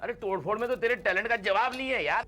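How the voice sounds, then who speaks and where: A man's voice: extremely high pitch, racing, very noisy. An actor playing an exasperated, bumbling father in a TV sitcom who scolds and teases his son with sarcasm. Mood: sarcastic. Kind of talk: TV sitcom acting. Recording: loud background music track.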